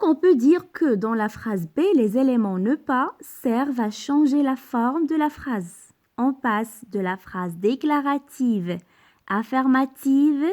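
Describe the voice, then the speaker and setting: A woman teacher giving a grammar lesson, speaking slowly and deliberately, repeating sentences and exaggerating the rise on questions. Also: fairly high pitch, a little mellow. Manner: slow and deliberate, repeating and translating each sentence; exaggerated rising intonation on questions. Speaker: French teacher.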